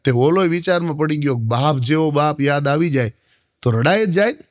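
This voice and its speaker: A man's voice: on the high side, expressive, normal speed. A man telling folksy stand-up jokes, acting out both sides of each dialogue. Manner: folksy storytelling, addresses the audience as sahib, acts out both sides of dialogues. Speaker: stand-up comedian. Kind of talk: Gujarati stand-up joke telling.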